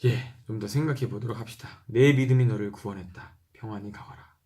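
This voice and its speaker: A man reading Bible passages aloud slowly, repeating verses and stopping to explain them in a casual way. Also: on the low side, a little mellow. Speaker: Bible reader. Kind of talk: reading scripture aloud with commentary.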